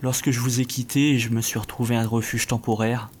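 A man reading aloud, voicing a contemptuous bodiless male spirit that speaks slowly and commandingly. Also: mid-range voice, level tone, noisy background, lightly acted. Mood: scornful. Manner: scornful, slow and commanding.

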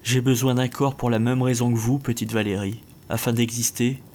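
A man reading aloud, voicing a contemptuous bodiless male spirit that speaks slowly and commandingly. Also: mid-range voice, level tone, a little mellow, slight background noise, close to an everyday voice. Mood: scornful. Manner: scornful, slow and commanding.

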